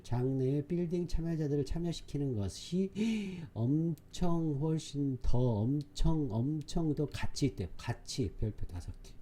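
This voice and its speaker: A man lecturing on an English reading passage, his voice very dark and somewhat husky. He hammers key words over and over. He keeps pausing to ask whether his students understand. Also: fairly high pitch. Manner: repetitive, emphatic, keeps checking understanding with the class. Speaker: English teacher. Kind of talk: exam-prep lecture explaining a reading passage.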